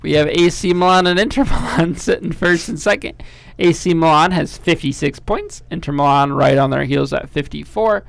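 Male co-host, a bit high, with a gravelly edge; reads standings steadily, teases his partner. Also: normal speed, no echo. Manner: jokey, teasing banter. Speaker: podcast co-host. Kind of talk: casual sports chat.

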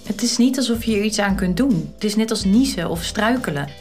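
A woman's voice: mid-range voice, animated, fairly quick, darkish tone, soft background music, lightly acted. An actress playing a cheerful, supportive young woman who coaxes and encourages her friend in an audio drama. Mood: coaxing. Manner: coaxing, encouraging.

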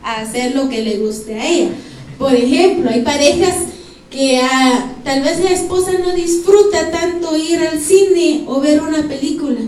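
A woman with a Guatemalan accent preaches to her congregation in a high, mellow voice, asking them for examples as she teaches. She is heard from a distance across a very echoey church hall, with a faint hum of ambience behind her. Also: a little slow. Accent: Guatemalan Spanish. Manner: addresses the congregation directly, asks them for examples. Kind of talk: sermon. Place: church sanctuary.

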